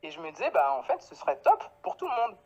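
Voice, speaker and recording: A Paris-born woman of Guadeloupean family, founder of a clothing brand, answers casually as an interview guest. Her medium-pitched voice swoops wildly at a quick pace, mellow with a lo-fi sound. She's hesitant and informal, feeling her way through sentences, correcting herself often and letting phrases trail off.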